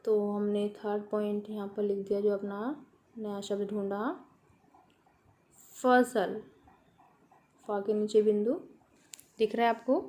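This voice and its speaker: A woman's voice: medium pitch, flat delivery, normal speed, dark tone. A woman teaching a children's worksheet lesson, asking and answering her own questions and spelling out words with careful pronunciation. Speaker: primary school teacher.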